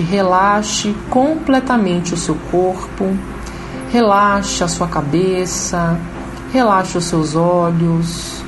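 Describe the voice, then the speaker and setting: A woman with a Brazilian accent leading a guided meditation in a soothing, unhurried manner with long pauses. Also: mid-range voice, rough recording. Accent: Brazilian Portuguese. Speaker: program host and holistic therapist.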